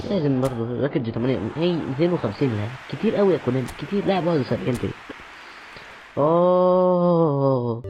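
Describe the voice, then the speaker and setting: A man's voice: medium pitch, darkish tone, a little hiss or hum. A young man with an Egyptian accent giving casual pack-opening commentary, chatty and mock-exasperated as he pleads with the game. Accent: Egyptian Arabic. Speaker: gaming YouTuber.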